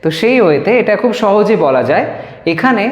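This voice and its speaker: A man teaching a spoken English lesson, explaining each sentence, then reading the examples out slowly and drawing them out. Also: sits high, very animated, dull audio. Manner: slow, drawn-out dictation of example sentences. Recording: echoey room with long reverb.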